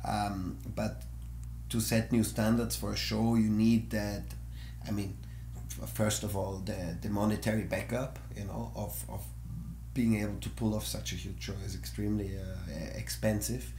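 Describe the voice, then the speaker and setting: A man's voice: fairly low pitch, little pitch movement, moderate pace, mellow. A podcast host from Austria whose first language is German, talking eagerly in a casual chat and often searching for words and restarting his phrases. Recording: echoey room with faint hum.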